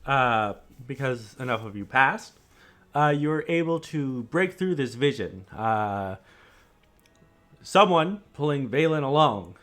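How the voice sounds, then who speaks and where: A man narrating a tabletop fantasy game as game master and host, with filled pauses between passages of description. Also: mid-range voice, expressive, fairly bright tone.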